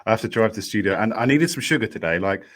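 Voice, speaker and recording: A man's voice: lowish voice, animated, rapid-fire, a bit bright. A man co-hosting a podcast, chatting in a laid-back way with crude jokes. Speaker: podcast co-host. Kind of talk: casual chat. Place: studio.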